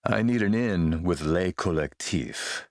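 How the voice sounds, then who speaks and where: Kurt Hansen, low-voiced menacing warlord. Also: male voice, no room sound, clean studio sound. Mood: measured, businesslike. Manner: measured, suave, commanding, quietly threatening. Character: smooth, menacing military warlord and arms dealer. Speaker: villain character in an action role-playing game. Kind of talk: acted video game dialogue.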